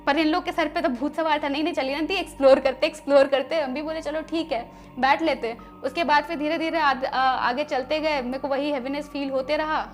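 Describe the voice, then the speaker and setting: A woman with a high voice tells her side of a story in a plain, relaxed way. She pauses and restarts now and then, with faint music underneath. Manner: relaxed, plain-spoken, hesitant. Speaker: guest in a vlog, relative of the host. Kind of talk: casual storytelling.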